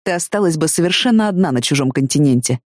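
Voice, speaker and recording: A woman voicing a calm, seriously ill young man who speaks quietly and matter-of-factly, staying close to her own low reading voice. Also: no echo. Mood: calm grave. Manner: quiet, matter-of-fact, unhurried.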